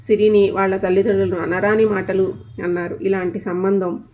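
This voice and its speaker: Woman voicing an angry young man, scolding, accusing, audiobook, flat delivery, muffled recording. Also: medium pitch, fairly quick, soft background music, lightly acted. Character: stern young male boss, angry friend.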